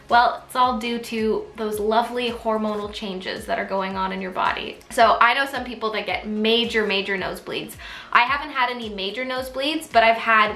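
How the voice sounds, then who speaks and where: A woman's voice: on the high side, pushed and bright, reverberant. A young woman chatting casually to camera as a vlogger, bubbly and laughing often, with a stuffy nose. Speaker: pregnancy vlogger.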